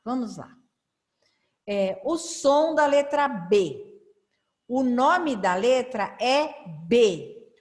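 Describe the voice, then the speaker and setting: Slow, lively-voiced woman tutor. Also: fairly high pitch. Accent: Brazilian Portuguese. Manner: slow, sing-song syllable drilling; cheerful, coaxing questions to a child. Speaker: literacy tutor. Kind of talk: children's phonics lesson over slides.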